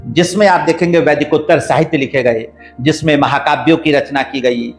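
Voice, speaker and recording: A man speaking as a podcast guest, explaining in a measured, lecturing way and building his points in lists. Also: fairly high pitch, fairly even intonation. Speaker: guest scholar. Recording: roomy echo, faint background music.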